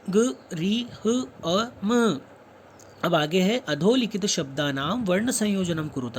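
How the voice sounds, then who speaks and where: A man's voice: high-pitched, a little hiss or hum. A male teacher giving a lesson, spelling words out sound by sound and asking and answering his own questions. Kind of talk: classroom lesson explanation.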